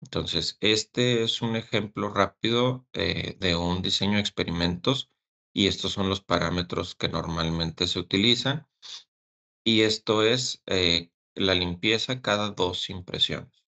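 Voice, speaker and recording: A man presenting a technical webinar as a service engineer, speaking haltingly with fillers and repeated words over a webcam. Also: sits low, vocal fry, sharp tone.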